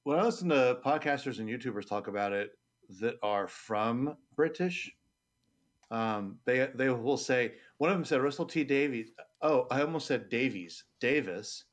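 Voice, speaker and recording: A man's voice: mid-range voice, normal speed. A man co-hosting a podcast, casual and joking, a bit sheepish. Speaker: podcast co-host. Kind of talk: casual chat.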